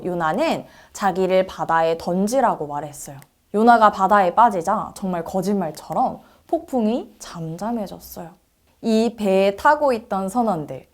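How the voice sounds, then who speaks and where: A woman preacher telling a Bible story to children in a church service, asking them questions and acting out the characters' lines. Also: medium pitch. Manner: asks the children questions, acts out quoted lines.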